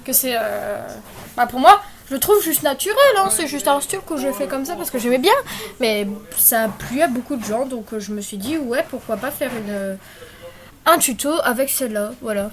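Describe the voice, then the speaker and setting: High-voiced young woman chatting. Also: expressive, normal speed, a crowd in the background. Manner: chatty, rambling, many fillers and apologies. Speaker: tutorial maker. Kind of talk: casual screen-recorded tutorial. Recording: faint background noise and clicks.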